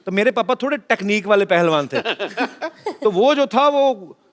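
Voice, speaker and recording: A man's voice: high-pitched, animated, unhurried. A man from Punjab hosting a comedy talk show, teasing his guests in playful stage banter. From Punjab, India. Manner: teasing, playful, chuckles while talking. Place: TV studio before a live audience. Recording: studio audience laughter and noise.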